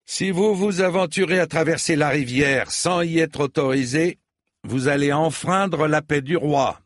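A man voicing a plain, earnest young knight who speaks calmly and firmly in an audiobook reading. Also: medium pitch, a little slow.

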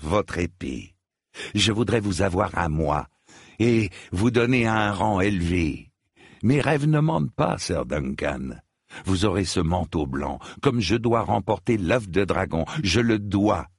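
A whimsical young fiddler muses aloud in a slow, airy, theatrical voice, voiced by a man reading a story. His lines drift grandly and unhurried. A husky grain runs under every word. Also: low voice, animated, no echo, studio quality, full character voice. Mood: dreamy.

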